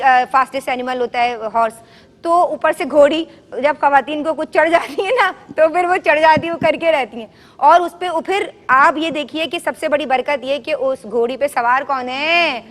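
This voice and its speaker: A woman with a high, bright-pitched voice leads a group of children in call-and-response, asking questions and coaxing them to answer louder. Her voice carries a long reverb from a studio hall. She tells her stories in a gentle, coaxing tone. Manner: quizzes children and has them repeat answers loudly. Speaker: children's show host.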